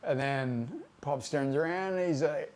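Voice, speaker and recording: A man's voice: on the high side, a little slow, darkish tone. Laid-back man telling a tale. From Australia. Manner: laid-back, profane, conversational with fillers. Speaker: tattoo artist storyteller. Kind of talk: casual anecdotal storytelling.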